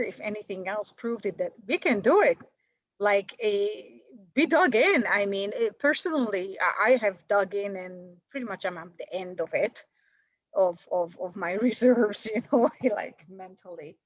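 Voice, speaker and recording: Animated and speaking at normal speed in a mid-range voice, a paralegal in her forties with a Hungarian accent guests in a video call interview. She's chatty and self-deprecating, restarting often and using many fillers, and the lo-fi sound has no echo.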